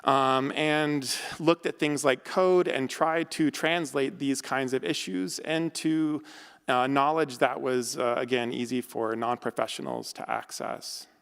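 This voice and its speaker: A man's voice: medium pitch, steady tone, a little slow, creaky, fairly bright tone, clear, resonant tone. A man giving a conference talk as an academic researcher, conversational, with frequent fillers and self-corrections. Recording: long hall reverb.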